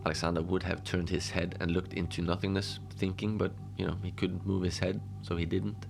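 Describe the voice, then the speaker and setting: In a cozy horror audio drama, a man plays a deadpan solo adventurer who spins his strange stories slowly and conversationally, rambling through halting asides. His deep voice carries vocal fry over music, and the mood is deadpan and musing.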